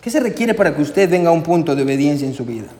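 A man's voice: on the high side, big pitch swings, rapid-fire, dark tone. A man preaching a sermon as pastor, emphatic and repetitive, firing question after question at the congregation and calling them brother. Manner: emphatic, repeats questions, addresses listeners as brother. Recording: echoey hall.

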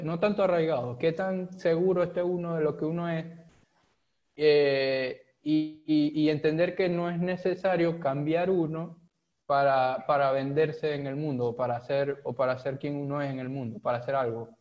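Male guest, Maracaibo Venezuelan accent, reflective and halting, slightly high voice, muffled lo-fi sound. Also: fairly even intonation, a little mellow. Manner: thoughtful, halting, many restarts and fillers. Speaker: podcast guest. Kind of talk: casual chat.

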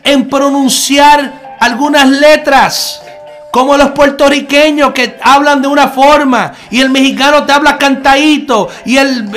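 A Messianic preacher gives a conversational online sermon in a very high, slightly bright voice. He is earnest, repeats key phrases, and calls the listener brother.

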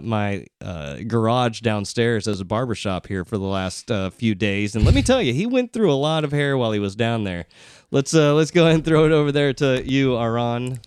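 A man's voice: mid-range voice, lively intonation, a little mellow, smooth, no echo. A man hosting a podcast in a home studio, joking and teasing his guests in a casual chat. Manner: playful, teasing, quick to joke. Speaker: podcast host. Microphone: studio microphone.

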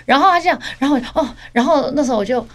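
Woman, 40s, from Taiwan, podcast co-host, high voice, fast animated storytelling. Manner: animated storytelling, mixes English phrases, lively laughing. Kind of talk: casual chat.

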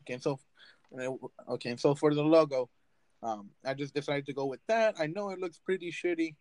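A man's voice: fairly high pitch, brisk, a little mellow, no room sound. A young man hosting a casual podcast, rambling and blunt, swearing freely. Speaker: podcast host.

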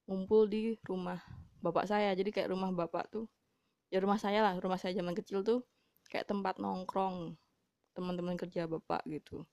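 A young woman from Java talks through a casual solo podcast episode in a blunt, chatty way, dropping fillers and laughing often. Her voice sits a little low, and the sound is dry and close to the mic. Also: a little mellow, no echo. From Java, Indonesia. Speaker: podcast host.

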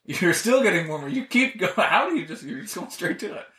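Bright-voiced male game master. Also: high-pitched, big pitch swings, fairly quick. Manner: playful, coaxing narration. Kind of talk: narrating a tabletop game. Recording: roomy, distant mic, faint noise.

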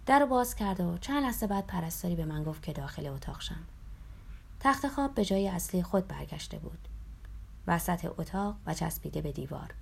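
A woman reads a memoir aloud in a calm, somber way, her voice sitting a little lower than most. At times she drops to a near whisper as she tells it. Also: creaky, husky. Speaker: narrator.

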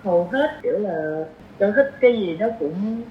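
Speaking at a normal pace, this woman in her twenties, a young doctor guesting on a podcast, has an expressive, medium-pitched voice and a southern Vietnamese accent. She talks casually, hesitant and thinking out loud, in a dull-sounding, echoey room with light noise.

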